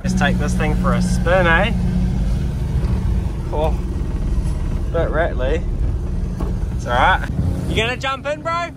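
A man's voice: on the high side, sing-song, slow, long pauses. A man in his twenties with a broad New Zealand accent chats casually in a slangy, laddish way as a vlogger. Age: 20s. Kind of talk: casual vlog chat. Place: outdoors and inside an old four-wheel drive. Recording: loud outdoor and vehicle noise.

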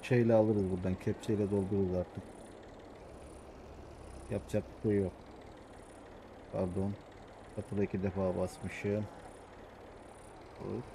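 A man with a Samsun accent, an adult with young kids, giving hushed, muttering commentary over a farming game, as his channel's host. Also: sits low, level tone, measured pace, vocal fry, long pauses, noisy background. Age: adult with young children. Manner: talks quietly, mutters to himself. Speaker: gaming YouTuber.

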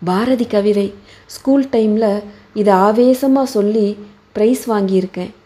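Woman as a gentle young wife; earnest, slow, mellow. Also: mid-range voice, lightly acted. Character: soft-spoken young wife and homemaker.

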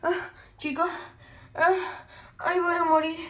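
A woman giving excitable let's play commentary, full of frightened cries and screams. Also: very high-pitched, takes it slowly. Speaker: gaming video host.

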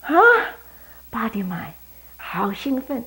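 A woman teaching Sunday school, telling a Bible story in a lively way and talking directly to the children. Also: low-pitched, normal speed.

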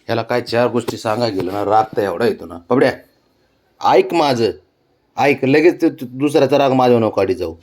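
A man's voice: mid-range voice, a little fast, a little mellow. A man chatting casually with his pet cats in a coaxing, teasing way, scolding them playfully. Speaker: pet owner.

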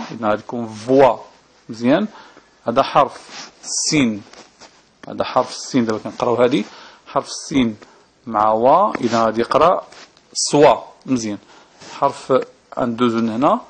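A man with a Moroccan Arabic accent teaching reading step by step, slow and patient, often checking that the listener follows. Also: medium pitch, husky. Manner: slow, patient, checks understanding with tag questions. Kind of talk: at-home teaching video.

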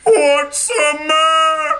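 A man doing a shrill wailing little train engine. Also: very slow, heavily acted. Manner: high, wailing and excitable. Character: shrill whiny young male toy train engine.

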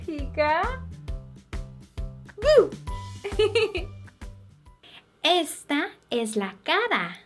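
A woman's voice: high voice, a bit bright. A woman teaching Spanish words to babies and toddlers, with bouncy, giggly baby talk and playful animal sounds. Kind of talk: slow, sing-song teaching for babies.

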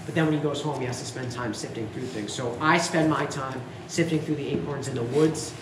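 Against background noise, a young foraging instructor with a medium-pitched voice talks a little fast. He leads his class on an outdoor teaching walk, first in the forest and then in a wooden lodge hall, speaking casually and laughing a lot.

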